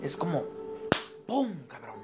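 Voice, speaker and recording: Guy w/ norteño telling a story on his podcast, lots of slang, animated, quiet music under it. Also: slow. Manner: slangy, animated, shifts into high squeals when quoting others. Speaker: podcast host. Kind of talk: casual storytelling chat.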